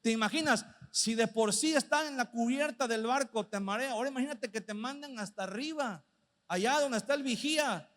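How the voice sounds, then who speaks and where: A man preaching a sermon. He asks the congregation many rhetorical questions and slows right down when he reads Bible verses. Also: extremely high pitch, fairly bright tone, in a large hall.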